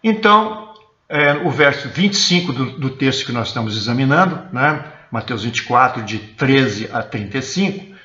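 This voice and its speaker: A man's voice: medium pitch, expressive, normal speed, sharp tone, echoey room, highs cut off. A man with a Brazilian accent, a church elder teaching a sermon for an online service and often checking in with his listeners. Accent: Brazilian Portuguese. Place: church, indoors.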